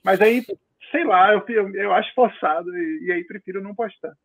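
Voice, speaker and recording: A man's voice: sits high, normal speed, creaky, no echo. A man with a Brazilian Portuguese accent, chatting casually in informal, slangy speech. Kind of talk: casual chat. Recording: thin phone-like band, dry.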